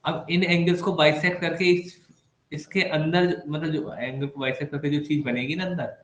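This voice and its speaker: A man's voice: fairly high pitch, fairly even intonation, normal speed. A man teaching maths in an online class, playful and chatty, teasing his students with asides. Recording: echoey room with faint background noise.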